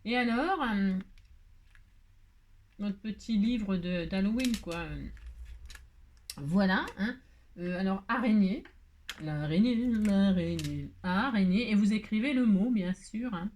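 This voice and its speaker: Her mid-range voice is animated and a little mellow, moving slowly with frequent pauses. Leading a relaxed craft tutorial in French, she talks hesitantly, leans on "euh" and "hein," and laughs at herself; faint noise and clicks sit in the background.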